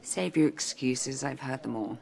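A woman's voice: extremely low pitch, unhurried, vocal fry, a little mellow, full character voice. A woman playing a stern, exacting senior doctor in a medical drama, clipped, authoritative and coolly sarcastic. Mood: stern, scolding. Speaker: emergency department consultant. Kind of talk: filmed medical drama acting.

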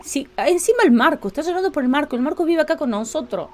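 An Argentine woman streaming a game from home, chatting with viewers in a casual way and bursting into loud excited exclamations. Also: sits high, fast talker. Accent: Argentine Spanish. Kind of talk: casual live-stream chat while playing.

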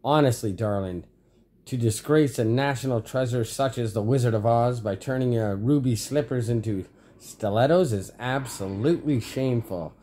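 A man's voice: mid-range voice, normal speed, dark tone, natural voice. A man reading a story aloud, voicing a stern, scolding elderly grandmother. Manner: scolding, indignant.

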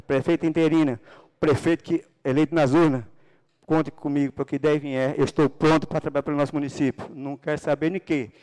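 Addressing the council chamber through a handheld mic, this middle-aged councilman from Paraná, Brazil has a fairly high, darkish voice. His political speech carries religious fervor and swells into emphatic bursts, echoing through a large indoor hall.

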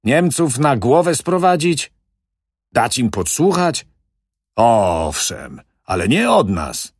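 Guy voicing a cocky loud-mouthed manager in an audiobook, pushy and wheedling, voice pitched up. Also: very animated, slow pace, no echo, studio quality, exaggerated voice. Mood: boastful. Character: brash, boastful middle-aged male building manager.

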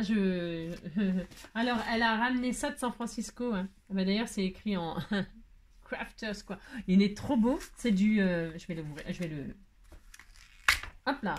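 A woman's voice: mid-range voice, measured pace, a little mellow, a little hiss or hum. A woman craft vlogger chatting to her viewers while opening mail, effusive and gushing, repeating her exclamations and often trailing off to restart. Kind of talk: casual chat to viewers.

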